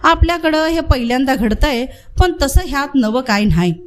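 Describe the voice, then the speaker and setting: A woman voicing a sober middle-aged village schoolmaster, measured and reasoning. His voice is a fairly high one. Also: animated.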